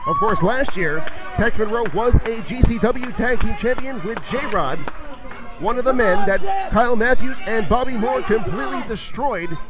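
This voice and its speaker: A man calling a live wrestling match as play-by-play announcer, in an excited, dramatic and emphatic arena announcer manner. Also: very high-pitched, normal speed. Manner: dramatic, emphatic storytelling delivery. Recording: dull lo-fi audio amid loud crowd. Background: loud live crowd.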